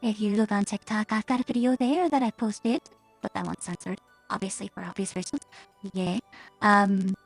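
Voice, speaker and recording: A woman's voice: medium pitch, gravelly, slightly rough. A woman VTuber chatting casually on stream through a staticky voice changer that cuts out, rambling with hesitant fillers.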